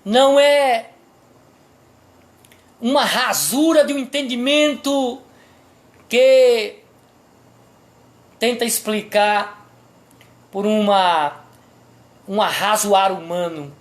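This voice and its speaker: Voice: medium pitch, extremely slow, long pauses. A pastor with a Brazilian accent preaching a sermon, asking the congregation rhetorical questions and pressing each point with emphasis.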